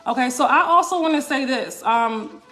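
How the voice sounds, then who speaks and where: Emphatic high-voiced woman coach. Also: normal speed, a bit bright, faint music behind. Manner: emphatic, repeats points, asks "right?" and "okay?". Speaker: wellness coach hosting a live stream. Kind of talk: casual live-stream talk to viewers.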